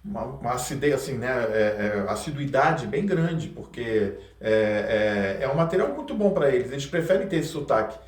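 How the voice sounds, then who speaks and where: A man's voice: mid-range voice, animated, normal speed, few pauses, far from the mic. Carioca man chatting in an echoey room. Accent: Carioca Brazilian Portuguese. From Rio de Janeiro, Brazil. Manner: rambling, many hesitations and restarts. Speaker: podcast guest, voice actor and dubbing director. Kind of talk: casual interview chat. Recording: echoey room, a bit off mic.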